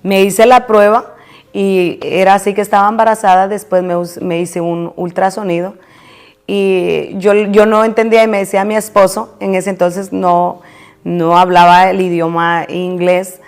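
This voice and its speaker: A woman's voice: mid-range voice, level tone, moderate pace, smooth, soft background music. A woman pastor telling a personal testimony, acting out past conversations as she tells it.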